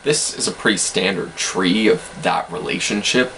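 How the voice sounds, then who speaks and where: A man's voice: deep voice, normal speed, creaky, sharp tone, a little hiss or hum, rough recording. A man casually explaining language facts in an educational video, hedging with self-deprecating asides.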